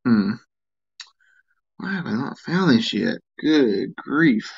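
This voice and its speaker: A man's voice: medium pitch, slow pace, gravelly, husky, dull audio. A tired man, chatting casually on a live stream and answering comments from viewers. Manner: rambling, relaxed, reads and answers chat comments. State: tired, yawning.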